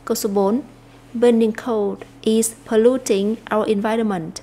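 A Vietnamese woman teacher explaining an English lesson, slowing down to read English phrases aloud. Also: a little high, steady tone, mellow.

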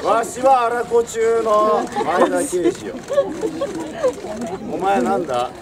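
A man playing a boastful samurai warrior, calling out challenges in a drawn-out, booming battlefield declamation outdoors. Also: big pitch swings, full character voice. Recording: outdoor recording with crowd noise.

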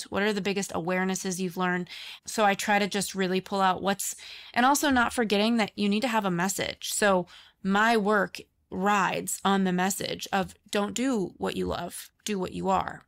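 A woman's voice: medium pitch, creaky, a bit bright. A woman guest on an interview podcast, speaking about her coaching work in a chatty, conversational way with frequent fillers.

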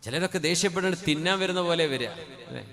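A man from Kerala preaching a sermon into a microphone, dropping to soft conversational asides and rising to loud, drawn-out chanted Arabic phrases. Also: on the high side, vocal fry. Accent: Kerala Malayalam. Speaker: Islamic preacher. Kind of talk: Malayalam sermon.

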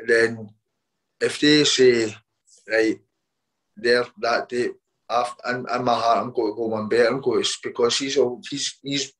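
A man's voice: mid-range voice, steady tone, fairly bright tone, poor audio. Boxer telling his story. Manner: halting, repeats words, quotes others as he tells it. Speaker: boxer being interviewed. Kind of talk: casual interview storytelling.

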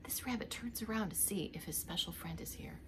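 Whispering briskly at a medium pitch, a middle-aged preschool teacher reads a picture book aloud with expression, slipping in little asides to young children. She's indoors, in a home living room.

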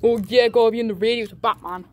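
An amateur video maker smashes a toy outdoors on pavement next to a brick wall, rambling casually with crude, sweary, joking mutters. The handheld phone is held close, catching a mid-range, steady voice that talks fast, plus a slight hiss or hum.

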